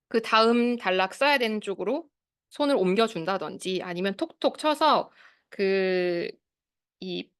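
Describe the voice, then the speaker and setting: In a clean studio recording with no room sound, a woman in her thirties speaks at a fairly high pitch. As a speech therapist leading a study group, she delivers an online lecture to parents and teachers, explaining, asking the audience questions and dramatizing quoted phrases.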